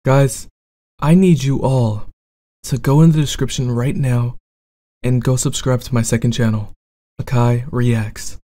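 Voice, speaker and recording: A man gives a casual announcement to his viewers as a video creator. His delivery is slow and fairly flat, with a mellow tone. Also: mid-range voice.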